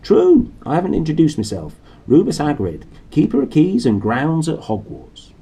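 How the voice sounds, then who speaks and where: A man's voice: on the high side, wildly swooping pitch, normal speed, gravelly, dark tone, husky, pitched above the performer's own voice, full character voice. A man voicing a friendly, blunt giant gatekeeper in a storybook, with folksy speech. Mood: hearty. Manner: folksy, dialect grammar, blunt and jolly.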